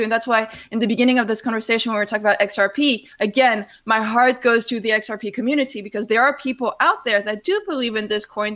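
Woman explaining with loose pauses. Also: fairly high pitch, fairly bright tone. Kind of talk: casual panel chat.

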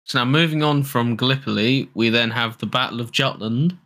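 A young British man from Britain co-hosting a casual history podcast, joking around and reading out facts a little haltingly. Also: mid-range voice, sharp tone. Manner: jokey, laughs often, reads facts haltingly. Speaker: co-host.

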